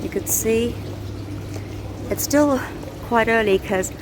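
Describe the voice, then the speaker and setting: A vlogger with a slightly high voice walks viewers through a hotel in a casual, handheld vlog, talking slowly, haltingly and chattily without a script. Her route runs from a small hotel room to the lobby, corridors and elevator, and faint ambient noise sits behind her in the noisy recording.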